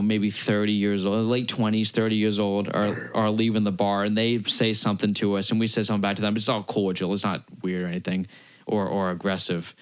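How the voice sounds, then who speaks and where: A man's voice: lowish voice, smooth. A young man from Massachusetts, co-hosting a podcast, tells a long rambling story in casual chat, correcting himself as he goes and acting out the other people's lines. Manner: rambling, self-correcting storyteller who acts out quoted voices. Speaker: podcast co-host.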